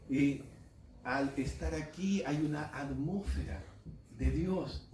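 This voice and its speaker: A man's voice: on the high side, roomy sound, low-quality recording. A man preaching a sermon to his congregation in a folksy way, mixing jokes into the message and speaking straight to his listeners. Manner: folksy, joking, addresses the congregation directly. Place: church congregation.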